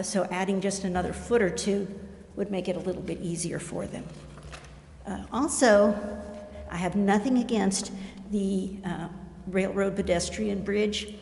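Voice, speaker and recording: An older American woman gives informal, plain-spoken public comment at a meeting, talking conversationally. Her medium-pitched voice is gravelly and a little mellow, captured in a roomy, echoing indoor council chamber with faint background noise.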